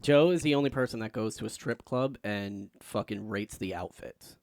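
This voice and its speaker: A man's voice: on the low side, no echo. A young man co-hosting a podcast, cracking jokes and teasing in casual chat. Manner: wisecracking, quick to tease. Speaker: podcast co-host.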